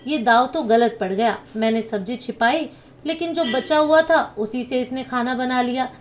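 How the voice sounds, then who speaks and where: A woman's voice: a little high, moderate pace, natural voice. A woman voicing a vain, scheming young daughter-in-law with a sly, spiteful manner.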